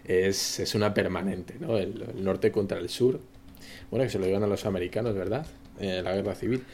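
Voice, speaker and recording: A man's voice: deep voice, brisk, a little mellow. A man with an accent from Spain hosting a casual podcast chat, asking friendly questions. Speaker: podcast host.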